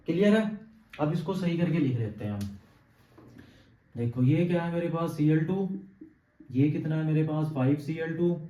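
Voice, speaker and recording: At a board in an echoey room, a man with a dark, mid-range voice teaches chemistry, quizzing students and constantly checking with lines like "clear?" He answers his own questions and counts things out slowly step by step, captured by a distant mic with dull sound.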